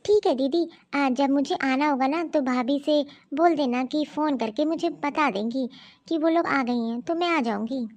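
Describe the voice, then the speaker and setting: A woman voicing a humble, hardworking housemaid in an animated cartoon story, speaking politely and deferentially. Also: sits high, normal speed, natural voice.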